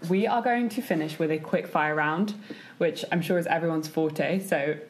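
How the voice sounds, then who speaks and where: A woman hosting an interview, asking quick questions in a breezy, playful way. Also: low-pitched, slight background noise.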